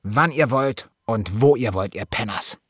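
A man voicing an excitable, fierce young teenage boy in a storybook reading. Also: medium pitch, a little slow, husky, dry recording, clean studio sound, pitched above the performer's own voice. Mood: defiant.

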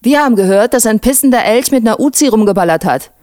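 A woman's voice: fairly high pitch, lively intonation, fast, darkish tone, dry recording, studio quality, voice pushed up, close to an everyday voice. A woman doing a cheeky young patrol cop. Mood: teasing. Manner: mocking, playful.

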